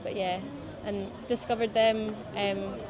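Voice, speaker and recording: This is a slow-paced, medium-pitched woman in her twenties, a Highland Scottish musician being interviewed about her music. She's relaxed and meandering, using lots of fillers. The interview happens outdoors by a city riverbank amid crowd noise.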